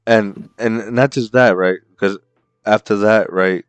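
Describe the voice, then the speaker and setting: A man co-hosting a podcast, casually retelling story scenes in an animated way. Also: fairly low pitch, slow, clean tone, dry recording. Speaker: podcast co-host. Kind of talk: casual chat.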